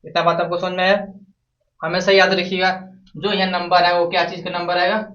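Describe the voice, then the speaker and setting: A man's voice: high voice, little pitch movement, brisk. A man teaching a math lesson at a board, asking his own questions and answering them. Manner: repeats questions to the class and answers them himself. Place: classroom with a board. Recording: echoey room, from a distance, dull lo-fi sound.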